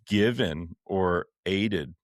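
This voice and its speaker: Male podcast host, very low voice, dry close studio sound, reflective and probing. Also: very slow, no room sound. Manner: reflective, asks probing questions. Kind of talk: faith conversation.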